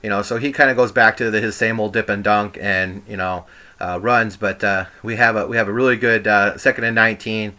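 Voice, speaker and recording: A man's voice: fairly low pitch, steady tone, a little fast, sharp tone. A man giving casual, rambling commentary over his own video game play, hesitant and mildly frustrated. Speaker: gamer commentating on own gameplay.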